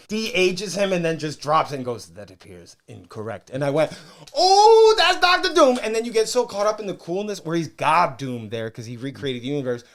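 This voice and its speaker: A man co-hosting a comics podcast, talking in an enthusiastic, rambling way with many restarts. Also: medium pitch. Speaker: podcast co-host. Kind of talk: casual chat about comics.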